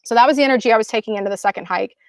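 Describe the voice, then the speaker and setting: A woman in her thirties giving a casual storytelling talk, animated and full of "like", acting out quotes with sudden high bursts. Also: very fast, gravelly, no room sound. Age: 30s. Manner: casual, lots of "like". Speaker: speaker.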